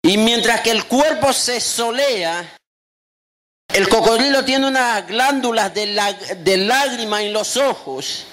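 A pastor preaching in a very high male voice, taking his time with each phrase. He is emphatic, acts out what people say, and now and then rises to a shout. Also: expressive, slow. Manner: emphatic preaching, acting out quotes and rising to shouts. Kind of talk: sermon.

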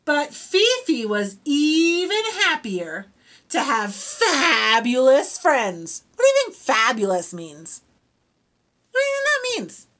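A woman's voice: sits high, takes it slowly. A woman reading a picture book aloud to children, stopping to explain new words and ask them questions. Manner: animated, asks children questions. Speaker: storybook reader for children. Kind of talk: children's read-aloud with vocabulary teaching.

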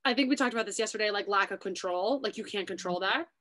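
A woman's voice: mid-range voice, quick pace, a bit bright. A young woman hosting a casual chat, talking loosely with lots of filler words. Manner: chatty, many "like" fillers. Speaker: YouTube host. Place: New York City.

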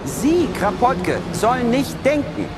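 Stern, pompous Prussian officer, clipped delivery, lively intonation, music behind, film comedy. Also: male voice, very high-pitched, slow pace, full character voice. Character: stern young man posing as a Prussian-style army captain.

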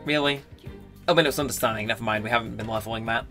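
A man's voice: medium pitch, fast talker, pushed and bright, soft background music. A man giving casual, rambling commentary as he plays a game, often correcting himself and reading the on-screen text aloud. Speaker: let's play gamer.

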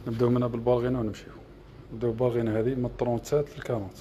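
Algerian man selling shoes, quick patter, mid pitch, clear shop noise behind. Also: little pitch movement, warm tone, highs cut off. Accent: Algerian Arabic. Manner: rattles off prices and colors in a list. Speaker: shop seller. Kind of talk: product showcase livestream. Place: shoe shop.

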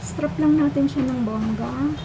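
Middle-aged Filipino woman vlogger, muffled through a face mask, casual and chatty, clear background noise. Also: sits high, moderate pace. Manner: chatty, mixes English and Tagalog, playful asides. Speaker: vlogger reviewing a product. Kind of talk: casual product demo.

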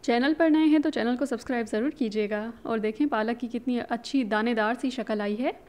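In a chatty, instructive voice-over, a woman explains a home recipe to viewers, often weaving in English words. She sounds like the relaxed host of her own cooking channel, and her slightly higher voice moves a little fast.

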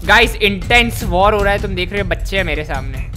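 A man hosting a let's-play, giving excited commentary while yelling taunts and making playful sound effects. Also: high-pitched, a little fast. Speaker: gaming channel host. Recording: game audio with background music.

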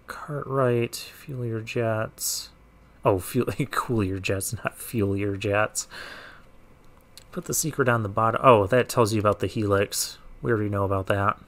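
A man's voice: mid-range voice, a bit bright. Man thinking aloud in casual game commentary. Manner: thinks aloud, muttering asides. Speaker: gaming let's play host.

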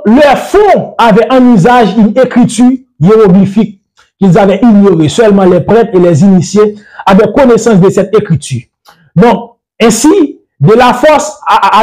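A man giving a spoken lecture in a methodical, didactic way. He links his points one after another and slowly spells out lists of words. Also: sits high, warm tone, low-quality recording. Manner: methodical and didactic, strings points together with frequent "donc"; slow deliberate spelling-out of word lists. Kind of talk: spoken lecture on language and religion.

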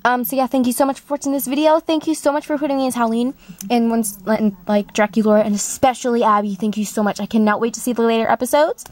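A woman's voice: on the high side, fairly even intonation, fast talker, a little mellow. A woman with newly fitted braces, chatting casually and breezily as an amateur voice actor, rambling to camera.

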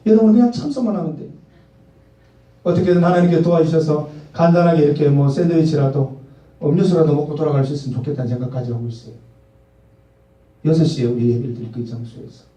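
Male pastor, mellow dark voice, chatty sermon, roomy hall, distant mic. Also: a little high. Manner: conversational, asks the congregation questions, acts out quoted lines. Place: church hall. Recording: echoey hall, mic from afar.

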